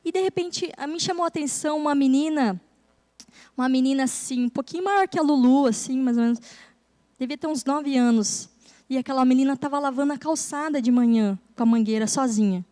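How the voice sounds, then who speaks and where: A woman preacher telling a personal story during a church service, acting out the conversations in a soft voice. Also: high-pitched, fairly quick. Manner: storytelling, acting out dialogue softly. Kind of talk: sermon testimony.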